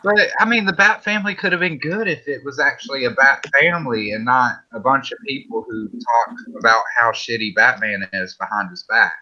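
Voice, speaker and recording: Heated man with a bright, lo-fi sound. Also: mid-range voice, a little fast, hardly any pauses. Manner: heated, opinionated, swearing. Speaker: stream host. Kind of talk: casual chat. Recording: dull lo-fi stream audio.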